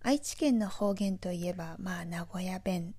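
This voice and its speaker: A woman from Aichi with a Nagoya accent, hosting a podcast in a chatty, relaxed monologue with friendly asides. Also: on the low side, unhurried. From Aichi, Japan. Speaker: podcast host.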